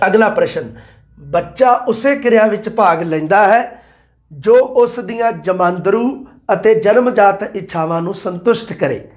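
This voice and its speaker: A man gives a chatty exam-prep lecture in a high voice. He repeats key points and keeps quizzing his listeners. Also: measured pace, darkish tone. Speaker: teacher.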